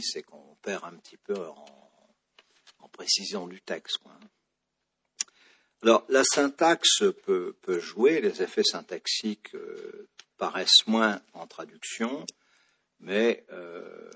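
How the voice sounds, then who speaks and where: A man's voice: low-pitched, a bit bright, breathy edge. A man from France giving a classroom lecture on the psalms, digressive and full of fillers and restarts, with wry asides.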